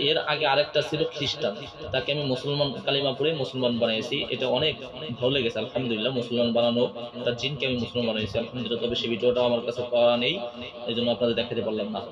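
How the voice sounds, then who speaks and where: A man working as an exorcist faith healer speaks in a mid-range voice, with the highs cut off. His talk is loud ritual interrogation and preaching, delivered in a confrontational, insistent way with repeated questioning.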